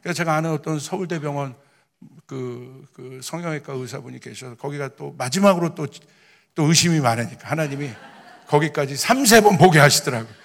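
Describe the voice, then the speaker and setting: A middle-aged male pastor preaching a sermon, telling personal stories and moving from hushed asides to shouted proclamation. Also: a little high, fairly quick, in a large hall.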